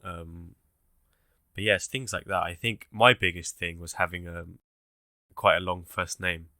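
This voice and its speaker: A young man with a very low, bright, forceful voice co-hosts a podcast, talking in loose, rambling bursts. The sound is dry and close, with no room around it. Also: a little slow, dry recording. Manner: rambling, animated, swears casually. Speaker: podcast co-host. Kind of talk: casual chat.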